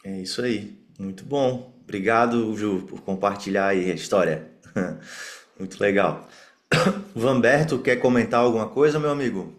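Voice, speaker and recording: A man's voice: fairly low pitch, unhurried. A man casually hosting an online group meeting and inviting others to speak. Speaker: meeting host.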